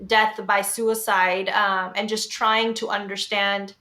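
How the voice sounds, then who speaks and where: A woman's voice: medium pitch, level tone, takes it slowly, pushed and bright. A young adult woman co-hosting a podcast in a casual, conversational style. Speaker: podcast co-host.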